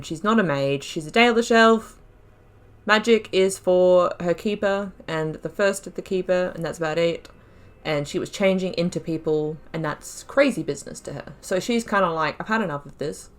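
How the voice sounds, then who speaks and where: A woman with a lowish, slightly bright voice hosts a gaming video, thinking out loud as she talks through the story. Her commentary is casual, informal and wry.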